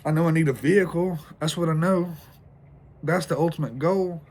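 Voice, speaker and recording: A man's voice: fairly high pitch, normal speed, darkish tone. Stressed, rambling man venting outdoors. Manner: rambling, stressed, swears a lot. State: sleepless, shivering in the cold. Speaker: vlogger. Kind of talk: venting vlog monologue. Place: outdoors in the cold.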